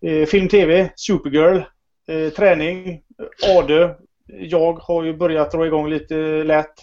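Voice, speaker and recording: A man's voice: on the high side, level tone, a little mellow. A man co-hosting a casual podcast, laid-back and joking with crude asides. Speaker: podcast co-host. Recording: dull lo-fi podcast audio.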